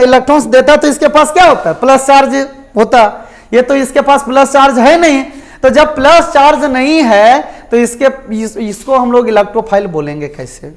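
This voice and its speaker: This chemistry lecture comes from a male teacher whose pitch is extremely high and whose accent is Jharkhand Hindi. He regularly pauses to check in with the class and answers the questions he raises himself.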